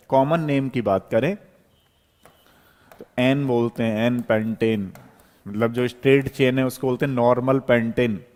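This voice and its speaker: A man's voice: mid-range voice, a little mellow. A male chemistry teacher giving a board lecture to students. He explains step by step as he writes and keeps checking in with "okay". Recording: long reverb, hall-like room.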